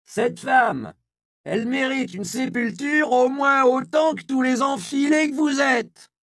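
A man voicing a crude, fierce old woman who yells coarse slang at a crowd in a raspy but powerful voice, in a storybook reading. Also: extremely high pitch, slow, no room sound, studio quality, voice pushed up, full character voice. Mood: scornful yelling. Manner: foul-mouthed slangy yelling.

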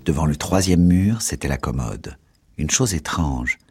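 A man giving a measured, dramatic scripted narration of a novel. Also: rumbling low, animated, a little mellow, breathy edge. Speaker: audiobook narrator.

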